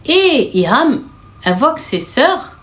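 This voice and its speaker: Young woman, casual storytime narrator, conversational, slangy fillers, lively retelling. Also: high voice, slow.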